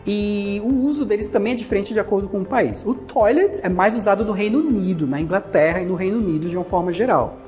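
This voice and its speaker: A woman with a Brazilian Portuguese accent teaching an English lesson, patiently explaining and repeating words slowly for pronunciation drills. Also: medium pitch, a little mellow, faint music behind. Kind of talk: recorded language lesson.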